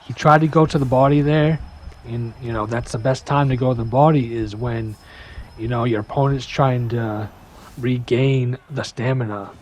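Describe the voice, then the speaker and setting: A young man giving a casual gameplay breakdown, full of "you know" fillers and sometimes rushing to keep up with the action. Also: medium pitch, fairly even intonation, slight background noise. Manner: casual, filler-heavy, talks fast to keep up. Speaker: gaming YouTuber.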